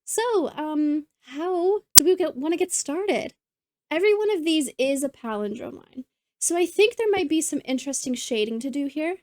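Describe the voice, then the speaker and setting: A woman's voice: sits high, lively intonation, moderate pace, darkish tone, no room sound. A woman hosting a puzzle video, thinking aloud as she solves, musing and hesitant with frequent ums and maybes, a little out of breath.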